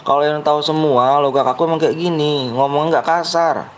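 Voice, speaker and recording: A young man with a Betawi accent live-streams a game, chatting with viewers in a blunt, brash style he himself admits sounds harsh, and he keeps pushing them to like and subscribe. His voice is fairly high with fairly even intonation at normal speed. The recording has a little hiss or hum.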